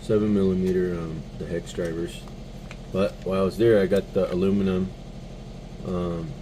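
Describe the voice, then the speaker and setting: A man's voice: sits low, noisy background. A man vlogging a casual model car build walkthrough, just woken up, rambling and searching for words. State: just woke up. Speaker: RC hobby vlogger.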